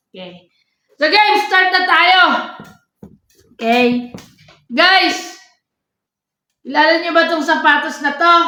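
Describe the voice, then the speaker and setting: A high, bright woman's voice talks casually to her viewers, walking them step by step through a sneaker. The room around her is echoey. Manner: chatty, addresses viewers often. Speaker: sneaker vlogger. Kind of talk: casual product walkthrough.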